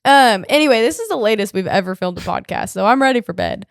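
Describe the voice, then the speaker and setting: A woman's voice: medium pitch, lively intonation, quick pace, gravelly, no echo, clean studio sound. A young woman co-hosting a casual podcast, chatting and reading listener questions, with frequent laughs and fillers. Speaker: podcast co-host.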